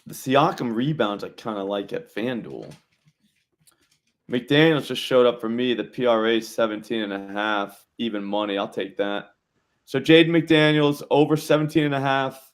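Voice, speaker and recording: A man's voice: mid-range voice, moderate pace. A man in his thirties hosting a live sports betting stream in casual, laid-back chat that trails off at the ends of lines. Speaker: sports betting show host.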